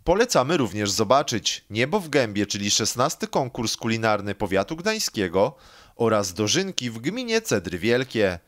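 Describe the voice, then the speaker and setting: A man's voice: on the low side, big pitch swings, moderate pace, a bit bright. A man narrating a local news segment in a scripted voice-over.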